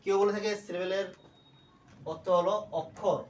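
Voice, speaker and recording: A man teaching a pronunciation lesson, speaking slowly and repeating words as he breaks them into syllables. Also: high-pitched, fairly even intonation, distant mic, a little hiss or hum. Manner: slow, repetitive, breaks words into syllables aloud. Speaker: English teacher. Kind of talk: classroom lesson explaining pronunciation.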